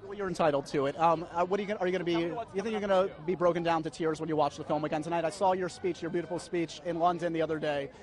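Fast-talking American male red carpet reporter. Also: on the high side, steady tone. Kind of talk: live celebrity interview. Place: outdoor red carpet at a premiere. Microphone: handheld reporter microphone. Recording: busy outdoor crowd noise.

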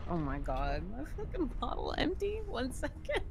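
A woman guest chatting casually while gaming, giggly and quick to apologize. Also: high voice, wildly swooping pitch, over a noisy crowd. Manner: apologetic, giggly, slow-paced. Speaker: streamer guest.

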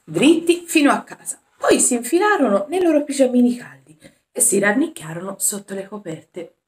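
A woman who works as a nursery school educator, reading a picture book aloud to young children in a gentle storytelling manner. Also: fairly high pitch, animated, normal speed, a little hiss or hum.

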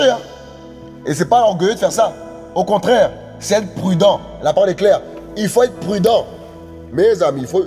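A man's voice: high-pitched, a little mellow. A man preaching a sermon, emphatic and direct, often calling out to his listeners as friends. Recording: long reverb with faint music behind.

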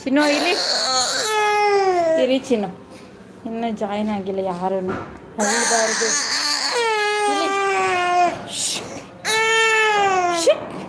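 Young mother, high, lively and sing-song, coaxing a small child, loud outdoor noise on a handheld phone. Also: measured pace, long pauses. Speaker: mother vlogging live. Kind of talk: casual live vlog while minding a toddler. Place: outdoors at a house under construction. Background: child crying, animals, work noise.

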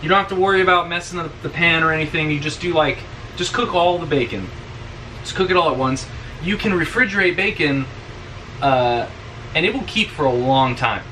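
Talking fairly quickly in a fairly high pitch, a young man in his twenties employed by a church vlogs casually, chatty and rambling with many fillers. The car portion is shot on a dashboard camera, the home kitchen portion on a camera set on the counter. Because the camera mic is distant, road noise is loud.

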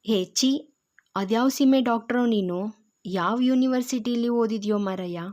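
A woman's voice: fairly high pitch, moderate pace, a little mellow, close to an everyday voice. Scoffing older male patient in an audio story, read by a woman; mocking, dull recording.

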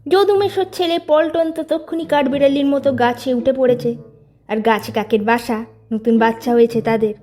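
Over faint background music, a woman with a high, natural, mellow voice reads from a storybook at a moderate pace and a steady tone. She plays a boastful teenage boy who leads his gang, teasing as he spins a tall tale. The character's bragging is full of scorn.

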